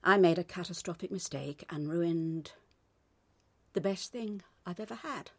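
An actress playing a remorseful woman who confesses to her partner, speaking softly and hesitantly and sometimes sinking to a near whisper. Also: fairly low pitch, a little slow. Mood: pleading. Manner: soft, hesitant and pleading, often dropping to a near whisper. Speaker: actor in a radio drama. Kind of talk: radio drama acting.

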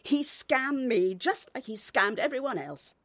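An actress playing a remorseful woman who confesses to her partner, speaking softly and hesitantly and sometimes sinking to a near whisper. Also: high-pitched, animated, unhurried. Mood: earnest. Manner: soft, hesitant and pleading, often dropping to a near whisper. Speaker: actor in a radio drama. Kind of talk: radio drama acting.

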